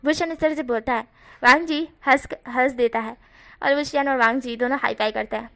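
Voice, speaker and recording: Chatty high-voiced woman narrator. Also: fairly even intonation, moderate pace, a bit bright. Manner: chatty, with slips and self-corrections. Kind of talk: casual fan-story retelling.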